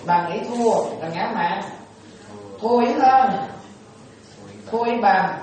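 A man's voice: sits high, takes it slowly, darkish tone. Male monk, dharma talk, quizzes listeners, acts out little dialogues, very echoey room, distant mic. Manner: asks the audience questions, plays out little dialogues. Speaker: Buddhist monk teacher. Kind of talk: dharma talk to lay followers.

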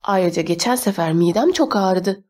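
A woman's voice: mid-range voice, expressive, moderate pace, a little mellow, natural voice. A woman voicing a bossy, spoiled young girl who talks down to everyone with a sneer in her words. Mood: scornful bossy. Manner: sneering, demanding.

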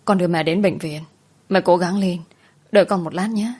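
A woman's voice: fairly low pitch, moderate pace, a little mellow, breathy edge. A woman voicing a frightened young woman who pleads tearfully for her sick mother. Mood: pleading.

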